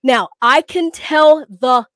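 A woman's voice: sits high, slow pace, fairly bright tone, dry recording. A woman in her fifties co-hosting a podcast, chatty and enthusiastic with lots of fillers. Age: 50s. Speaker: podcast co-host. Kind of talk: casual podcast chat.

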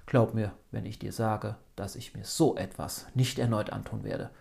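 A man reading the part of a pushy but caring young friend who speaks firmly, with a low gravelly voice. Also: steady tone, normal speed, a little mellow. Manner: insistent, firm.

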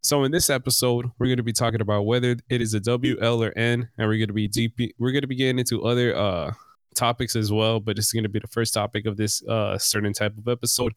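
A man's voice: on the low side, fairly even intonation, fast, dry recording. Young man hosting, very dry sound. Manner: slangy, loose. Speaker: host of a casual podcast. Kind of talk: casual group discussion.

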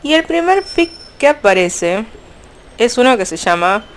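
A young woman with an Argentine accent, chatting casually about fanfiction in a rambling, animated way. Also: a little high, a little slow, slight background noise. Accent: Argentine Spanish. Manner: chatty, rambling, frequent restarts and fillers. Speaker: fanfiction vlogger. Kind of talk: casual chat.

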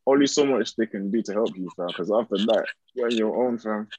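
A young man with a husky voice and a London roadman accent, chatting casually in slang. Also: on the low side, a little fast, a little mellow, highs cut off, a little hiss or hum. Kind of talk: casual group banter.

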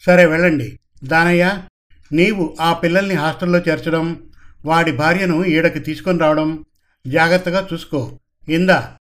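Arrogant scheming boss, commanding tone; male narrator doubles the part, slightly high-pitched voice. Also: normal speed, long pauses, fairly bright tone, close to an everyday voice. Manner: commanding, bossy.

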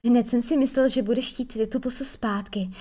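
A boastful storybook boy who never grew up, voiced by a woman. He talks in a high, eager rush, proud of himself and keen to persuade. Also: steady tone, warm tone, lightly acted. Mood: sulky.

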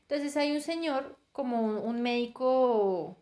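A woman's voice: a little high, unhurried. A young woman in casual chat, animatedly retelling a plot and laughing often. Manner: animated storyteller, laughs often, filler 'ta, ta, ta'.

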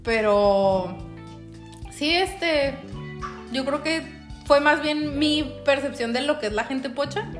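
A woman's voice: sits high, slow pace, long pauses. Chatty Mexican woman, roomy echo. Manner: chatty, storytelling with filler words. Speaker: podcast co-host. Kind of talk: casual chat. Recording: roomy echo with music behind.

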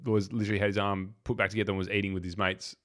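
Low-voiced man in casual film chat. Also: rapid-fire. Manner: relaxed, hesitant, many fillers. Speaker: podcast co-host.

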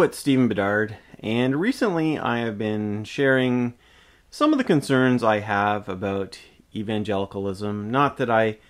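A man hosting his own channel, giving a reflective personal monologue with many pauses, fillers and restarts. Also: on the low side. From Canada. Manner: hesitant, frequent uh fillers and restarts.

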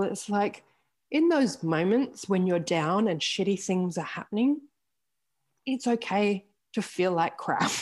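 A woman in her forties speaking candidly as a podcast guest, telling a personal story openly with laughs and the odd swear word. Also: medium pitch. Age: 40s. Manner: open and frank, with laughs and mild swearing.

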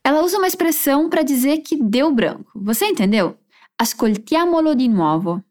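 A woman runs a language lesson. Her voice is high and swings widely in pitch. She slows down to model phrases clearly so learners can repeat after her. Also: big pitch swings, a little mellow. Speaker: language teacher.

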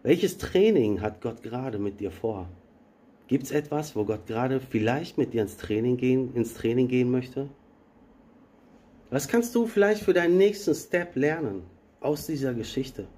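A man's voice: medium pitch, lively intonation, measured pace, mellow. A man giving a sermon, retelling a Bible story in plain everyday speech and speaking straight to his listeners, sometimes correcting himself mid-phrase. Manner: self-correcting, searching for words. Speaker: preacher.

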